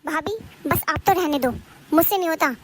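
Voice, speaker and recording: A very high, squeaky cartoon voice of a bossy young sister-in-law, as a woman acts her out. She talks in a sharp, taunting way and piles blame on others. There is a faint hiss behind her. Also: moderate pace. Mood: scolding. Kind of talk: cartoon voice acting.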